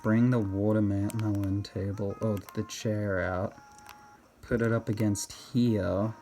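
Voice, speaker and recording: A man's voice: lowish voice, flat delivery, takes it slowly, dark tone, a little hiss or hum. A man giving casual, rambling game commentary, thinking aloud and often questioning himself in a hesitant way. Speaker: gamer narrating own gameplay.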